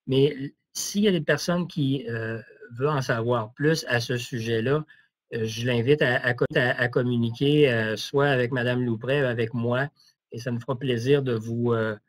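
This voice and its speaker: A man takes questions in a webinar over a video call. His pitch is ordinary, and he often stops to restart his sentences. He speaks in a plain, helpful way. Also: normal speed. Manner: hesitant, with repeated restarts and fillers. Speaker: presenter of advisory services. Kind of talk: webinar presentation and Q&A.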